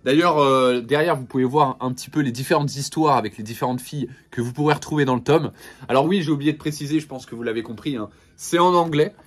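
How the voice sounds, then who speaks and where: A man at a middle pitch, chatting enthusiastically in a casual vlog as he shows off his collection. He hesitates often and restarts his sentences. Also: fast. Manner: enthusiastic, many fillers and restarts. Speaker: manga collection reviewer. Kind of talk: casual product showcase vlog.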